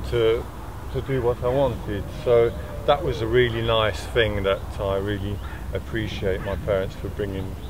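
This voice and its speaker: A man in his thirties, from Belgium, talking casually and hesitantly with many fillers while walking through the countryside valley. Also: lowish voice. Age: 30s. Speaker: furniture maker. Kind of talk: outdoor walking vlog. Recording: noisy outdoor recording.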